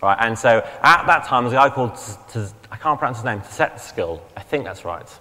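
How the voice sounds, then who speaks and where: A man's voice: medium pitch, lively intonation, brisk, background noise. Man preaching in a reverberant church. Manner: conversational, with frequent fillers and restarts; asks the congregation questions. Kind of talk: sermon.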